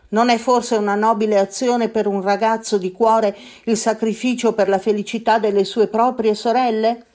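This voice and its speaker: A woman narrating a children's storybook in an expressive, mock-earnest diary voice. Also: a little high. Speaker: audiobook narrator. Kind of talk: storybook reading in a boy's diary voice. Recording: guitar music behind voice.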